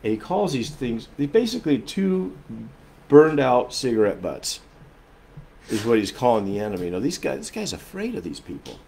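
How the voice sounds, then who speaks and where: Male pastor preaching, earnest, gets loud then soft, repeats himself a lot, average pitch. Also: big pitch swings, normal speed, vocal fry. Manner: earnest, emphatic, shifts often between loud and soft; repeats and restarts phrases while explaining. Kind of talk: sermon.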